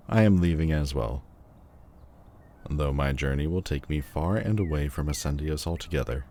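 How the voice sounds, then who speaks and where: A man playing a lovelorn lord general, voicing a farewell letter in a formal, slow, yearning way in an audio roleplay. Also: a bass voice, darkish tone, a little hiss or hum. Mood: solemn yearning.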